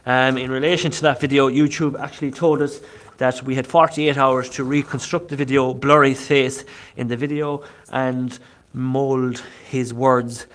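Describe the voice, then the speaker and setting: A man's voice: mid-range voice, little pitch movement, normal speed, hardly any pauses, fairly bright tone. A man from Galway with a west of Ireland accent, chatting casually and ramblingly on a live vlog, often repeating himself. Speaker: live-streaming paranormal investigator showing historic sites.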